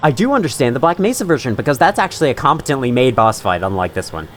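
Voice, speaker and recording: A man's voice: medium pitch, big pitch swings, fast, slight background noise. A man giving casual, opinionated reaction commentary as a gaming YouTuber, often griping and chuckling through his remarks.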